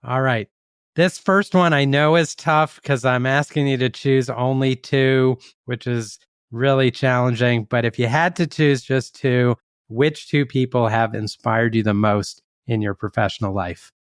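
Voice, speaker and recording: A man's voice: mid-range voice, measured pace, clean tone, no room sound, studio quality. A man hosting a podcast, asking friendly questions with many "uh" fillers and reading a sponsor message. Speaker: podcast host. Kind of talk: interview hosting and ad read.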